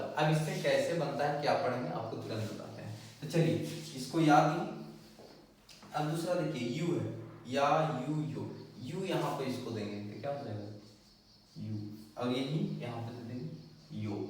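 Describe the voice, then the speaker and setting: Man, teacher, slightly high voice, repetitive drilling, very echoey room, distant mic. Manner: repetitive, drilling syllables, checking with listeners. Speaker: Japanese teacher. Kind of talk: whiteboard lesson explaining step by step. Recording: echoey room, far from mic, faint noise.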